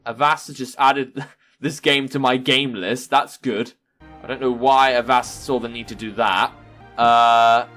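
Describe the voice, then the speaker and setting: Lively rambling gaming commentator, man. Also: fairly high pitch. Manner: rambling, laughing, thinking aloud. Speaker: gaming video host. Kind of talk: casual let's-play commentary.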